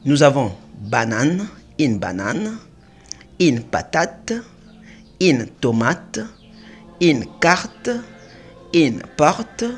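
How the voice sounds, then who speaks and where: A man teaching French spelling, reading words slowly and spelling out syllables, with faint music behind him. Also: on the high side. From Congo (DRC). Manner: spells out syllables, slow and emphatic. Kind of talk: slow, deliberate French reading lesson.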